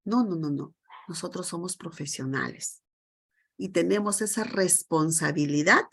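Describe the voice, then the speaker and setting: Over a video call, a middle-aged teacher trainer runs a session, speaking emphatically and asking the group many rhetorical questions. She has a lowish, fairly bright voice with vocal fry and a breathy edge, delivered at a measured pace.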